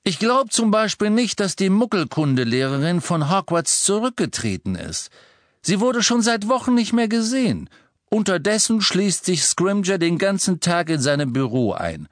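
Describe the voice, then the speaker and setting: A man doing a fretful, halting wizard father. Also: high voice, big pitch swings, no room sound, clean studio sound, pitched above the performer's own voice. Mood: worried. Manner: hesitant, sheepish, halting. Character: fretful middle-aged wizard father, tinkerer.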